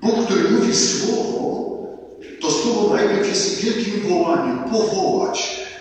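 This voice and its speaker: A man preaching as a priest, solemn and deliberate, repeating key words for weight. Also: sits high, a little mellow, a little hiss or hum. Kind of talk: sermon. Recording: echoey hall from far off.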